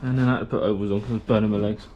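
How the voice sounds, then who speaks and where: A man's voice: on the low side, fairly even intonation, racing, lo-fi sound, noisy background. A man with a British English accent narrating a casual workshop vlog while building a race car, chatty and rambling with lots of fillers, a little out of breath from the heat. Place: hot garage workshop.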